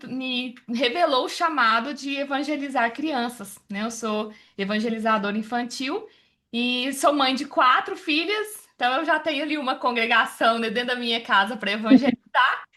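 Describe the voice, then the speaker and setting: Chatty woman, bright high voice. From interior of Goiás, Brazil. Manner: chatty, warm, religious, many fillers like "né". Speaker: workshop participant. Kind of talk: self-introduction on a video call.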